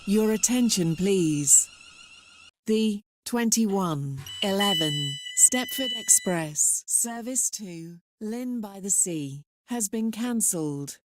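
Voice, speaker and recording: Slow woman over a station PA. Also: medium pitch, background noise. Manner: flat, measured, formal. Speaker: station announcer. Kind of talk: automated platform announcement.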